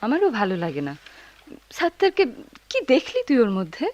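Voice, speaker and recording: একজন অভিনেত্রী চাকরিজীবী, শান্ত ও রসিক তরুণী বড় মেয়ের চরিত্রে, নব্বইয়ের দশকের বেতার নাটকের ঢঙে।. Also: female voice, fairly high pitch, wildly swooping pitch, moderate pace, a little mellow, dull audio. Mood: wry. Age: young adult. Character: level-headed working elder daughter, dry humor. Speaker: elder working daughter. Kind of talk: 1990s radio drama acting.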